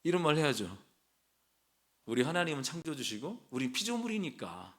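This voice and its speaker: A male pastor delivering a sermon in a church sanctuary. His voice is bright and ringing, and his pitch swings widely and animatedly. He speaks conversationally, questions the congregation and slips in humorous asides. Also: sing-song, normal speed.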